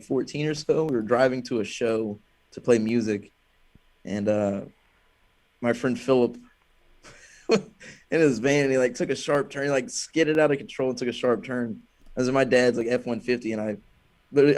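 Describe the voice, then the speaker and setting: A man's voice: mid-range voice, darkish tone. A man from Alabama, a comedian guest, chatting casually on a podcast with a laid-back, self-deprecating manner.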